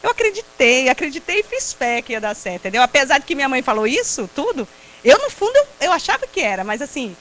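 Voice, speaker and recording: Brazilian woman, Brazilian Portuguese accent, fairly high voice with a swooping, expressive pitch, testimony speaker who laughs easily and acts out the quotes. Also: quick pace, low-quality recording. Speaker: invited speaker at a prayer group. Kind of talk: personal testimony talk.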